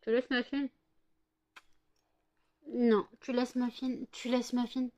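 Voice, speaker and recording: A woman's voice: a little high, little pitch movement, slow, darkish tone. A worn-out woman from France in a casual home vlog, cooing baby talk to her dogs after one hour of sleep. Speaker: vlogger.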